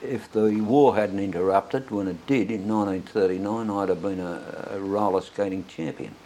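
An old Australian man with a fairly low voice reminisces as a veteran looking back on his life. He tells it in a rambling, anecdotal way, as in an oral history interview, with noticeable noise behind him. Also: moderate pace, dark tone. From Sydney, Australia. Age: elderly.

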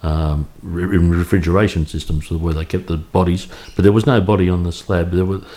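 This is an Australian man in his fifties sharing childhood memories in an oral history interview at home in Cremorne, Sydney. His speech is halting and full of restarts as he wanders back through anecdotes, all in a low, mellow, dark voice that barely shifts.

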